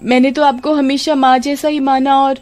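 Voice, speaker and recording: A woman voicing a cruel, shrill young woman who scolds and wails in a storybook tale. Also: level tone, normal speed, a little mellow, lightly acted. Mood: pleading. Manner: shrill, wailing and whining.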